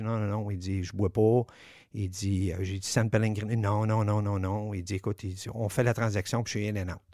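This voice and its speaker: A man with a Quebec French accent telling a story on the radio, animated, swearing and acting out the dialogue. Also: fairly low pitch, no room sound, clean studio sound.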